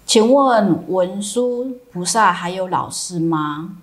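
A woman's voice: medium pitch, expressive, slow, slight background noise. A woman voicing a young male Chan student who asks doubtful questions.

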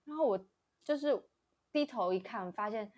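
A woman's voice: mid-range voice, expressive, moderate pace, darkish tone. A young woman co-hosting a casual chat, telling a story animatedly, often laughing and acting out the voices of people in it. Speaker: podcast co-host.

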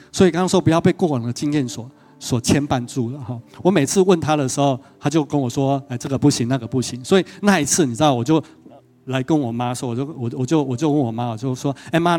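A man's voice: medium pitch, a little mellow. A male pastor giving a sermon, telling a personal story and often asking the congregation questions.

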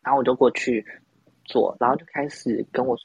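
Husky gravelly young man. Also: medium pitch, steady tone, a little fast, no echo, low-quality recording. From Taiwan. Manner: rambling, self-mocking, many restarts and laughs. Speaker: podcast host. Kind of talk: casual storytelling chat.

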